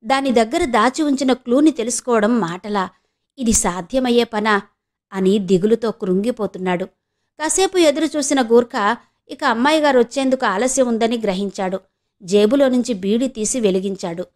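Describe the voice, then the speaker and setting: Woman audio novel narrator from Andhra Pradesh, steady delivery, pitched slightly high. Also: normal speed. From Andhra Pradesh, India. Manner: steady storytelling.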